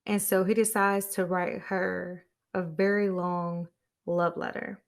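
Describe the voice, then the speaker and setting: A woman's voice: fairly low pitch, flat delivery, slow. A woman podcast host talking on her own to her listeners. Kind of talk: solo podcast talk.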